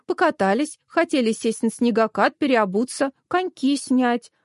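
A tearful, upset mother in a storybook, speaking plaintively in a raised, high voice, as a woman reads her. The sound is dry and close to the mic. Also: lively intonation, moderate pace, no echo, natural voice. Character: sad worried mother, complaining.

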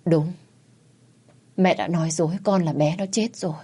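A woman's voice: moderate pace, mellow, breathy edge. A woman voicing a desperate middle-aged wife and mother who pleads and cries out. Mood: dying, pleading. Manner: pleading, shrill, frantic.

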